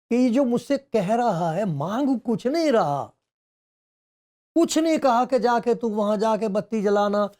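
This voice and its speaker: A male pastor with a very high-pitched, dark-toned voice delivers a conversational sermon. He asks many rhetorical questions and acts out the speech of the people in his story.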